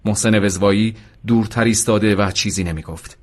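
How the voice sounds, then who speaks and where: Man, low voice, audiobook narration, calm and even, reads dialogue lightly. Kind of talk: scripted narration.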